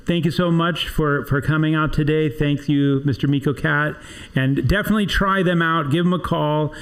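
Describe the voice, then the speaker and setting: A man hosts a casual podcast interview, his voice carrying a gravelly edge. He talks in loose, rambling sentences, restarting often as he chats with his guest. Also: on the high side, steady tone, moderate pace, a bit bright. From Southern California. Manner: chatty, rambling, many restarts. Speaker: podcast host for a trade association.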